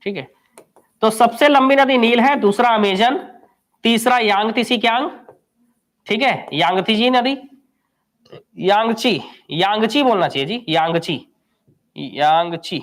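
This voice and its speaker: A high-pitched man runs a live exam-coaching class. He talks in a chatty way, throws quick questions at his students and then answers them himself. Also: a bit bright. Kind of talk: live online class lecture.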